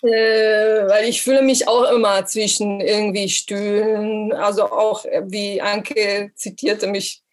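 A woman's voice: mid-range voice, little pitch movement, slow pace, few pauses. Woman speaking German, hesitant. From Italy. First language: Italian. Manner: hesitant, many fillers and restarts. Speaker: panel participant, cultural mediator. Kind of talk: casual discussion at a dinner table.

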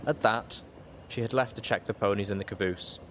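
An audiobook reader and show host with a fairly low voice reads a first-person story from a script at a fairly quick pace. Clear noise sits behind his reading.

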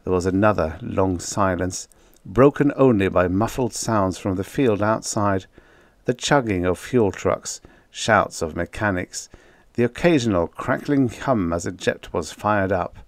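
A man reading a story aloud as audiobook narrator, steady and unhurried. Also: low voice, no echo. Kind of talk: scripted narration.

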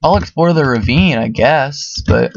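A man's voice: medium pitch, measured pace, creaky, no echo, muffled recording. A man giving casual, rambling let's-play commentary as a gaming video host, full of fillers.

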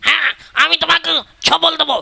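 A man doing a shrill gravelly spiteful snake. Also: fairly even intonation, a little fast, heavily acted. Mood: menacing. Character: spiteful male forest snake, hates humans. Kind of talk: folk puppet-show acting. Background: loud folk music.

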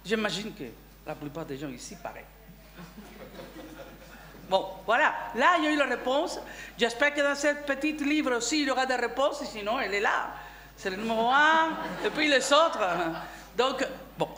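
Halting, candid woman giving a speech. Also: high voice, expressive, sharp tone, echoey room. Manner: halting, many restarts and fillers; candid, chatty. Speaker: board member of a cooperative. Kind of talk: personal speech at a general assembly.

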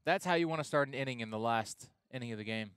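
A young man with the hiccups calls college baseball play-by-play in a chatty, self-correcting way and perks up when a play breaks open. His voice sits at an ordinary middle pitch and sounds close and dry. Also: quick pace, clear, resonant tone, no room sound. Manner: conversational, excited on big plays, self-correcting. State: has the hiccups. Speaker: play-by-play announcer.

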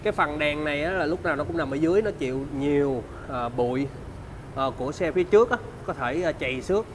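A man in his thirties with a southern Vietnamese accent, giving a used car salesman's walkaround pitch in polite, repetitive sales patter. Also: fast talker, slight background noise. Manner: salesman's patter, polite address and repeated selling points. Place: large open car service bay.

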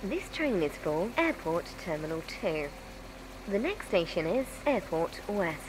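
A woman delivers a formal onboard train station announcement in a slightly low voice. Her scripted delivery is measured but moves up and down in pitch. Loud train noise runs behind her. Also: big pitch swings. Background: loud train and vehicle ambience.

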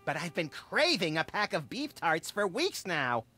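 An actor voicing a small, manic, mischievous cartoon rabbit in a comedy video game. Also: male voice, on the high side, big pitch swings, unhurried, bright, forceful tone, exaggerated voice. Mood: sardonic. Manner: mischievous, gleefully morbid. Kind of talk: animated comedy adventure game dialogue. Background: music.

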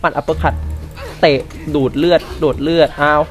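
A man's voice: a little high, flat delivery, normal speed, soft background music. A man commenting live as he plays a video game, exclaiming and swearing at what happens on screen. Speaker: gamer. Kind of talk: let's play commentary.

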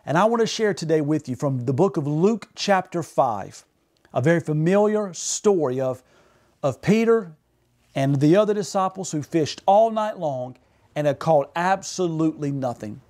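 A man's voice: fairly high pitch, moderate pace. A man in his forties, a pastor preaching a fervent sermon from a home office, gesturing and calling out for amens. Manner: fervent preaching with animated gestures, calls of amen. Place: home office with purple lighting.

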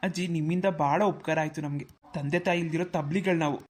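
A woman voicing a gentle, orphaned young man in a cartoon who talks softly and tearfully. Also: sits low, steady tone, fast talker, breathy edge. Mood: sorrowful. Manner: soft, grateful, tearful. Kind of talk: cartoon voice acting.

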